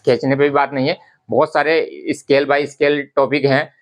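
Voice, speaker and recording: A man's voice: mid-range voice, level tone, brisk. A man, casually explaining fabric quality to viewers and repeating his points. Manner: conversational, repetitive, addresses viewers as brothers. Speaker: garment business vlogger. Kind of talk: casual instructional talk to camera.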